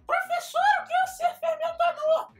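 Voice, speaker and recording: An extremely high, squeaky little pupil, childish and clueless. The skit voice sounds distant, with music behind it. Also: little pitch movement, normal speed. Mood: curious. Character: dim, childish squeaky pupil who answers wrong. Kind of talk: comic educational skit.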